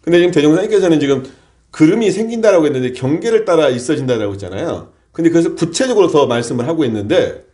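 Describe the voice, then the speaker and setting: A man's voice: fairly high pitch, animated, fast, mellow. A Won Buddhist minister preaching a sermon during a temple service. He keeps asking the congregation rhetorical questions and answering them himself.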